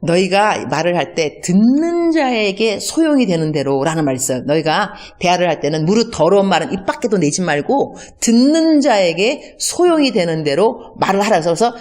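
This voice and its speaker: A woman missionary talks in an easy, conversational teaching style. Her pitch swings widely as she acts out everyday exchanges in different voices. She drops English words into her talk now and then. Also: very animated, moderate pace, hardly any pauses, darkish tone.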